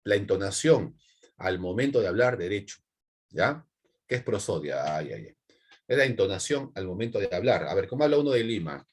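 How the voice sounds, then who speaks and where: A man's voice: on the low side, sing-song, fairly quick, husky. A man with a Peruvian Spanish accent, giving an online psychology lecture, repeating points and checking in with "¿no?" and "¿ya?". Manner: repetitive, asks for checks with "¿no?" and "¿ya?". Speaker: psychology teacher.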